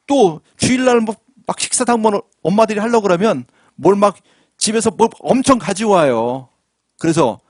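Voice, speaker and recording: A man's voice: high voice, no room sound, studio quality. A man preaching a sermon as pastor, asking the congregation questions and drawing call-and-response. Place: church sanctuary.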